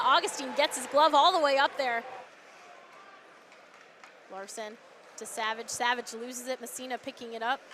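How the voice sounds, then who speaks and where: A woman announcer giving rapid, excitable hockey play-by-play as the action moves. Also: a little high. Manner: excitable, voice jumps on shots and goals. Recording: live arena noise behind. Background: hockey arena ambience.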